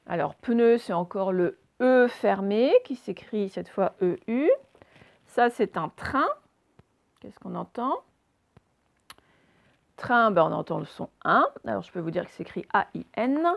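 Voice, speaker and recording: A woman teaching a phonics reading lesson, sounding out letters slowly and deliberately and putting questions to her young listeners. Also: mid-range voice, animated, creaky.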